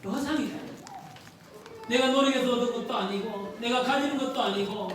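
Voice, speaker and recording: A woman's voice: a little high, a little fast. A woman pastor preaching a sermon, earnestly asking her congregation questions. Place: church sanctuary. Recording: echoey hall, distant mic, noisy.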